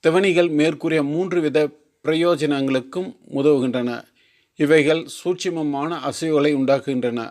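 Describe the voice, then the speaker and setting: Man slowly reading a formal religious text. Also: on the high side, darkish tone. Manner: slow, careful formal reading with restarts on long words. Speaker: teacher.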